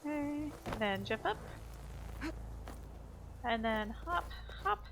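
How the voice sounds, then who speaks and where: A video game streamer, a woman, offers casual commentary as she plays, exclaiming playfully and talking both to herself and to the game. Her voice sits high with big swings in pitch, slow and gravelly, over background noise. Game music and sound effects play behind her.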